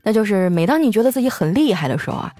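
Animated woman telling comic stories. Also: mid-range voice, rapid-fire, no room sound, studio quality. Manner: animated storytelling, acting out quoted lines in raised voices. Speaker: comedy radio host. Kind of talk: scripted comic monologue.

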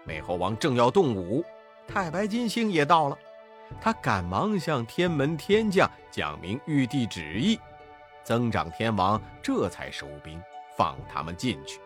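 A man narrating a classic children's story in an expressive, sing-song way. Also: mid-range voice, unhurried, faint music behind.

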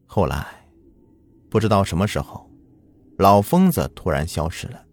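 A man's voice: deep voice, sing-song, normal speed, slightly rough. A man narrating a folk ghost story in a dramatic, lilting storytelling manner.

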